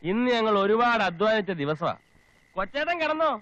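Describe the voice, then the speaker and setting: An actor playing a scheming petty thief who banters quickly and wheedles, in a slapstick film comedy. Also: male voice, high voice, big pitch swings, fairly bright tone, highs cut off, a little hiss or hum.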